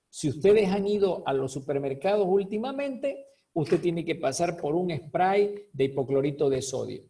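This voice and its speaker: A teacher giving a recorded class on food safety, speaking slowly and deliberately in a soft, mellow tone. The teacher asks rhetorical questions, checks in with "ok?" and repeats key words to stress them. The voice sounds somewhat distant from the microphone. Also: medium pitch. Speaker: food quality control teacher.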